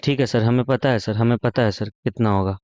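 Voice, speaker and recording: A man's voice: medium pitch, a little fast, a little mellow, dry recording, muffled recording, close to an everyday voice. A man voicing his own cheeky class of pupils, who answer and tease their teacher. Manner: cheeky, pleading with sir.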